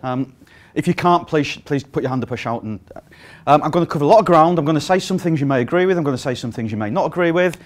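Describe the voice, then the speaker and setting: In a conference room, a middle-aged British man gives a lively talk with no microphone, projecting to fill the space and dropping in plenty of ums and uhs. His voice sits on the high side and he talks fast.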